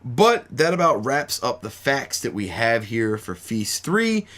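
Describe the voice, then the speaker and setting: A man's voice: mid-range voice, sing-song, a little slow, fairly bright tone. A tired male podcast host chatting casually late at night. He rambles loosely and swears freely, with an ordinary mid-range voice.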